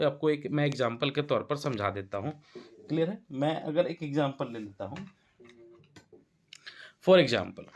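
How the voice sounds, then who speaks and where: A man with an Indian accent teaching English grammar in a classroom-style lesson, often stopping to check that students follow. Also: a little high. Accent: Indian Hindi-speaking. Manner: explanatory, checks understanding with repeated questions.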